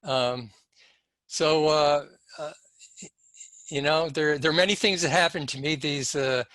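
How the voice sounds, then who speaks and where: A man speaking at a symposium, telling a personal story in a slow, reflective and halting way. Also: fairly high pitch, sharp tone, no room sound.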